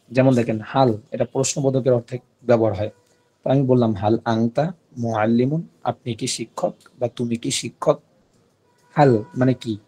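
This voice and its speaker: A man leads a language class, explaining slowly and repeating each word so students can write it down. His voice is mellow and warm. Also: mid-range voice. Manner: patient, repeats words for dictation. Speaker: Arabic teacher. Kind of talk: online class lesson.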